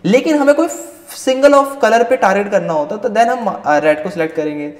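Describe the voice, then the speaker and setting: High-pitched male teacher, echoey room. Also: animated, moderate pace. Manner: mixes Hindi and English, checks in often with "right?". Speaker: Photoshop instructor. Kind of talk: live online class teaching. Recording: roomy echoey long reverb.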